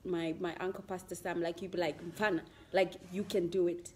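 A woman's voice: lowish voice, little pitch movement, moderate pace, a little mellow, slight background noise. A woman hosting a casual interview chat, laughing often and mixing Shona words into her English. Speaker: host.

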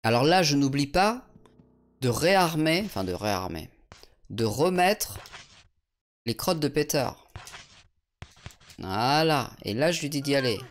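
A man's voice: mid-range voice, very animated, measured pace, long pauses, a little hiss or hum. A man from France casually commenting on a video game as he plays, swearing now and then and answering his viewers. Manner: chatty, swearing, reads chat aloud. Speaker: let's play streamer. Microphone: USB studio condenser mic.

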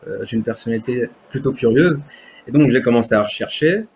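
Interviewed on a video call from a room in his home, a Berber-speaking man in his thirties recounts his story, faltering with fillers and false starts. He speaks a little fast in a medium-pitched, darkish tone. The webcam picks up slight background noise, and the sound is dull and lo-fi.

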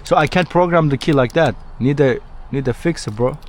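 A Turkish-accented locksmith from Turkey, his voice on the high side and a little fast, makes casual conversation with a customer, frequently saying things more than once. The noisy recording was made on the job near the customer's vehicle.

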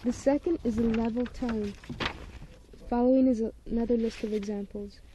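A woman's voice: on the high side, steady tone, normal speed, mellow, a little hiss or hum, rough recording. A woman working as a linguist, leading a phonetics word-list recording with plain, methodical prompts.

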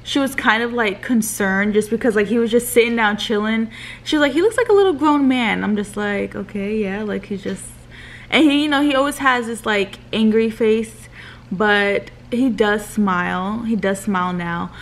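A woman's voice: medium pitch, fairly even intonation, moderate pace. Chatty young woman vlogging. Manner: chatty, leans on "like" as filler. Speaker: vlogger and new mother. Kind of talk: casual vlog chat. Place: pediatric clinic exam room.

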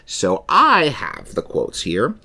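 A man's voice: medium pitch, wildly swooping pitch, slow pace, vocal fry, bright, forceful tone, slight background noise. A man co-hosting a podcast in casual chat, explaining things in a chatty way with many restarts. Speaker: podcast co-host.

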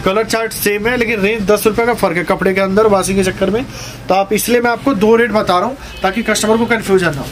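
A male jeans shop owner pitches his stock, reeling off prices and sizes at a rapid clip. His voice sits high, and faint shop noise runs underneath. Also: fairly even intonation. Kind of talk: sales pitch showing products. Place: garment shop.

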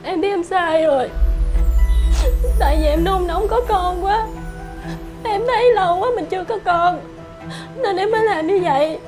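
Actress as young scheming wife, high and sugary, pleading; web drama with music bed. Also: female voice, moderate pace, pauses often. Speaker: daughter-in-law. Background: background music.

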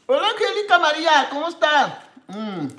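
A woman's voice: high voice, sing-song, moderate pace, fairly bright tone, echoey room. A woman from Mexico hosting a live cooking stream, tasting her dish with contented hums and greeting viewers by name. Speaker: cooking show host.

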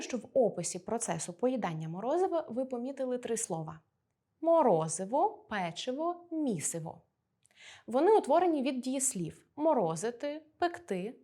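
Woman teacher, online lesson, high voice, very lively pitch, playful explaining. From Ukraine.

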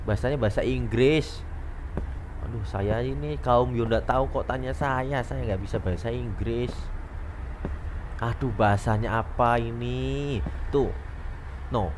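A man's voice: medium pitch, unhurried, long pauses, noisy background. A man gives casual let's-play commentary on a horror game, jumpy and full of startled exclamations. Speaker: gamer playing a horror game.

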